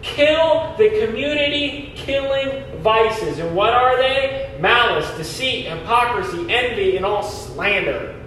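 A man's voice: lively intonation, slow, hardly any pauses, pushed and bright. Pastor guy preaching hard, asks then answers his own questions, huge cathedral echo, bit of hiss. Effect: cathedral-like booming echo. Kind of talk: sermon ending in prayer. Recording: heavy hall echo, distant mic, faint noise.

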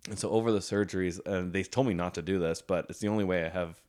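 Low-voiced young man rambling casually. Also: fairly even intonation, fast. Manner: rambling, laughs often, loud bursts when joking. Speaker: podcast co-host. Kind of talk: casual chat.

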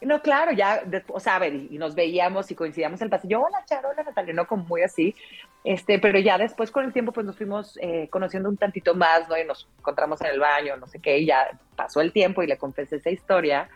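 Telling a childhood tale during a relaxed interview, this woman, a radio announcer with a Mexican accent, speaks at a quick pace in a lowish voice. She's lively and anecdotal, sprinkling in "o sea" and "¿no?" constantly. The recording is muffled, with soft background music.

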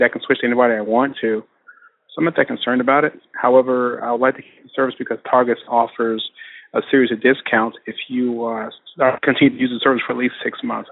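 A man calling in to a radio show, leaving a casual voicemail that is played over a phone line, rambling and halting with fillers and restarts. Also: mid-range voice, gravelly. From Texas, USA. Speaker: caller.

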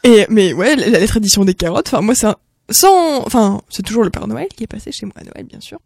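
Woman, casual chat, lively, exclamatory, middle pitch, dry close mic. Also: fast talker, creaky, husky, dry recording. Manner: lively, exclamatory, many fillers.

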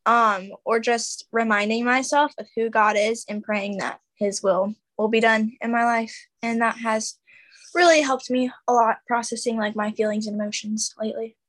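A young woman co-hosting a podcast, talking in a relaxed, rambling way. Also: fairly high pitch. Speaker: podcast co-host. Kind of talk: casual chat.

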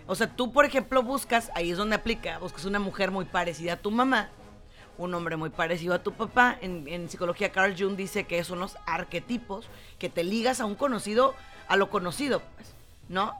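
A woman's voice: mid-range voice, fairly quick, a bit bright. Mexican lady cohost, chatty and teasing, talky relationship advice, faint music bed. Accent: Mexican Spanish. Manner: chatty, teasing, lots of filler. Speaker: co-host, psychology commentator. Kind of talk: casual radio chat.

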